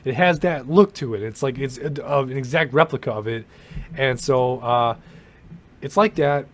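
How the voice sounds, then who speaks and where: A man's voice: mid-range voice, normal speed. A young man giving a casual, rambling rant about a movie, with swearing and lots of restarts. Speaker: movie commentator. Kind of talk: casual ranting movie commentary.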